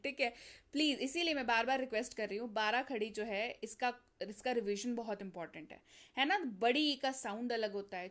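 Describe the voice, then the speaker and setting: A woman's voice: high-pitched, fairly bright tone. A woman teaching an English phonics lesson, patiently repeating sounds and checking that her students follow.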